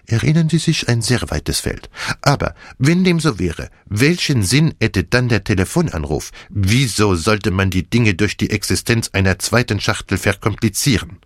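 A man's voice: lowish voice, lively intonation, moderate pace, no room sound, studio quality. A man voicing a fussy, theatrical older male detective in an audiobook, talking dramatically and dropping French phrases. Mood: earnest reasoning. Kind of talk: audiobook character voice.

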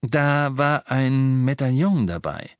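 A man's voice: mid-range voice, animated, takes it slowly, smooth, no room sound, voice pushed up. Man voicing a stern teenage wizard hero. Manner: firm, commanding. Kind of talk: audiobook character voice.

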